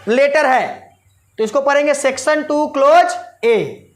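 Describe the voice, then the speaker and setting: A woman teaches a commerce class in a high, bright voice. She fondly addresses her listeners as children. She keeps firing quick questions at them and answering them herself. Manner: quizzes students with repeated rhetorical questions. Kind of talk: explanatory class lesson.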